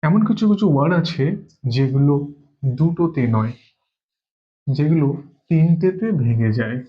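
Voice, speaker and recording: A man's voice: on the high side, lively intonation, normal speed, dull audio. Bengali-speaking man teaching step by step. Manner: explains step by step, repeats key words. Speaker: English teacher. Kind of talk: classroom grammar lesson.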